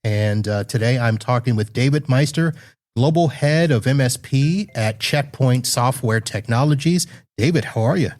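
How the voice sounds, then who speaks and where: A man's voice: medium pitch, normal speed, darkish tone. Casual American-style podcast host man. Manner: casual, friendly questions with fillers. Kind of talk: conversational podcast interview.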